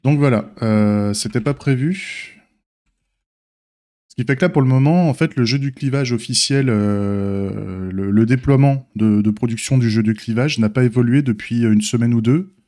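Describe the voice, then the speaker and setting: A man's voice: medium pitch, normal speed, dark tone. A man with a slight lisp and slushy s sounds, giving a casual unscripted stream update in an informal, hesitant, thinking-aloud way. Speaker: streamer and software developer.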